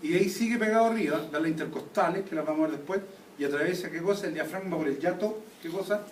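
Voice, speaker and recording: In an anatomy classroom lecture, a man speaks fast in a fairly high pitch, repeatedly testing his students with check questions. Faint noise and an echoey room come through, since he was taped from a distance.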